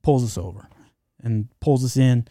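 Recorded close-up with no echo at all, a man with a deep, mellow voice of everyday pitch casually relates a lengthy travel adventure as a guest. He speaks at a moderate pace, wandering through the tale with many fillers and false starts.

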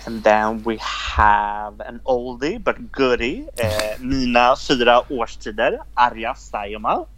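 A man co-hosting a podcast, talking in a measured way with short agreeing replies. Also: medium pitch, fairly bright tone, a little hiss or hum. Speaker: podcast co-host. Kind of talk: casual podcast chat.

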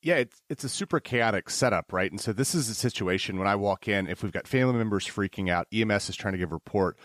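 Male ER doctor: candid and direct, low voice, dry sound. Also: fast talker, a bit bright, no room sound. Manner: candid, uses vivid figures of speech. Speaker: emergency physician panelist. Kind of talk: panel discussion.

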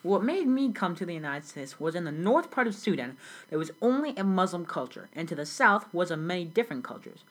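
A young teen student plays the interviewee in a school role-play interview, a husky-voiced grown immigrant recalling a South Sudan childhood. Her voice is on the low side, and she reads the story earnestly from a script.

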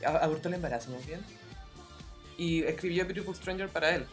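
A woman with a Chilean accent co-hosting a podcast, tossing in quick slangy jokes in casual chat. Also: low-pitched, soft background music. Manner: joking, slangy, quick quips. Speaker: podcast co-host.

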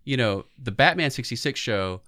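A man's voice: mid-range voice, animated, moderate pace, pushed and bright. A man in his forties co-hosting a podcast, chatting casually about pop culture. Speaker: podcast co-host.

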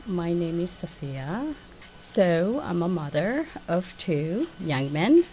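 A woman's voice: lowish voice, big pitch swings, takes it slowly, warm tone, slight background noise, rough recording. A middle-aged woman from Somalia, a community nurse, talking hesitantly with many fillers in a radio interview.

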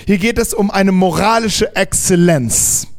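A man with a high-pitched voice preaches a sermon to his congregation. He talks in a lively, emphatic way, restarting sentences and dropping casual slang among the teaching. His voice rises and pushes forward when he makes a point. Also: a little slow.

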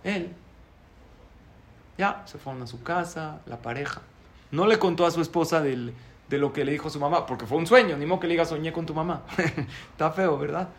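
A male rabbi, telling a story in a sermon, animated and chuckling, asking the audience questions. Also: a little high, gravelly.

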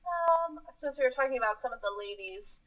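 Chatty woman podcast host, kinda high bright voice, blunt, swears a lot, bit lo-fi. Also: expressive, brisk. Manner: chatty, blunt, swears freely, laughs often. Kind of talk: casual chat.

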